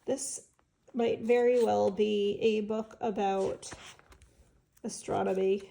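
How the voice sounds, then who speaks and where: Slow, gravelly woman with a stuffed-up nose. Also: medium pitch, fairly even intonation, warm tone. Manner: chatty, enthusiastic, musing aloud with fillers. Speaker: vintage seller showing an estate sale haul. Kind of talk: casual show-and-tell vlog.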